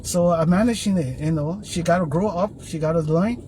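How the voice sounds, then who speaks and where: A man's voice: fairly high pitch, a little fast, mellow, a little hiss or hum. An older man, talking earnestly and rambling in a casual phone vlog outside his church. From Liberia. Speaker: video blogger. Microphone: phone camera.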